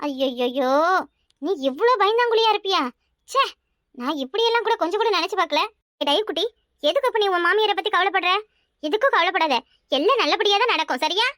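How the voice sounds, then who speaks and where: A woman's voice: very high voice, animated, a little fast, dry recording, clean studio sound, exaggerated voice. A woman doing a brash scheming village mother in a cartoon. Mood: bossy. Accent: Kanyakumari Tamil. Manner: loud, scolding yet doting.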